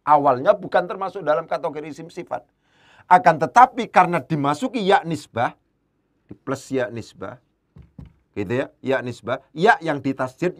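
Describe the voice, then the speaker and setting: Man teaching Arabic grammar. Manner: explains patiently, repeats key terms and stresses them; rises in pitch and volume when driving a point home. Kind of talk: evening lesson lecture.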